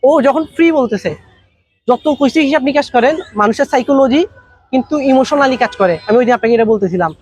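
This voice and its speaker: Rapid high-voiced Bangladeshi man teaching. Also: slightly rough, no room sound. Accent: Bangladeshi Bengali. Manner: conversational, rapid-fire rhetorical questions and everyday examples. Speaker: business trainer. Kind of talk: workshop lecture.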